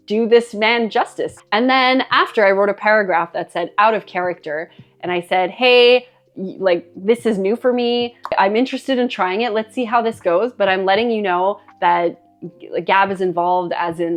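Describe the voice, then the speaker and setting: A woman vlogger telling a personal story in a chatty, animated way, with plenty of fillers and laughter. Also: mid-range voice. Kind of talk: casual storytime monologue.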